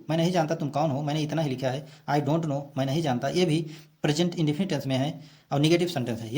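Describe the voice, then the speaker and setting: Guy explaining english grammar in hindi, bit high voice, reads each line slow then translates, repeats stuff patiently. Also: a little mellow. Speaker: English teacher. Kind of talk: bilingual grammar lesson.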